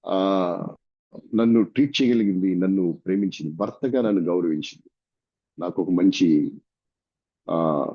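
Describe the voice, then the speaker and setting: A man from India with a Telugu accent preaches a sermon, telling a story and dramatically acting out its dialogue. His voice is low, dark in tone and slightly rough, captured on a dull lo-fi recording.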